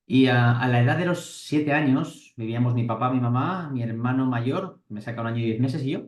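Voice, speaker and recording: A man's voice: medium pitch, brisk, a little mellow. Madrid guy in his 40s telling his life story, lots of ehs and restarts, mid voice, roomy echo. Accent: Madrid Spanish. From Spain. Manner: reflective, frequent hesitations and restarts. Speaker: interview guest. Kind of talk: personal storytelling.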